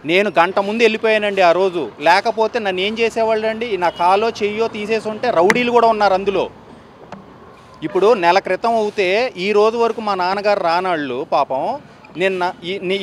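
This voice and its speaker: A man's voice: high voice, a little hiss or hum. A young man with an Andhra Telugu accent, a theater owner making an agitated, pleading statement to the press, repeating his points.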